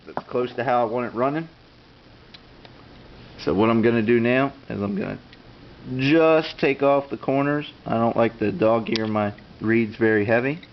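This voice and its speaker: A man's voice: medium pitch, moderate pace. A man giving a casual, plainspoken, matter-of-fact how-to demonstration as an instructor. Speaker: instructor demonstrating duck call tuning. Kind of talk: casual hands-on tutorial. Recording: dull lo-fi sound with clear background noise.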